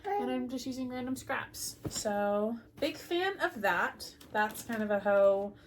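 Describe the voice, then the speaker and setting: A young woman co-hosting a casual knitting podcast, relaxed and friendly as she walks through her projects. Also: fairly high pitch, slow, a little hiss or hum. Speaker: podcast co-host.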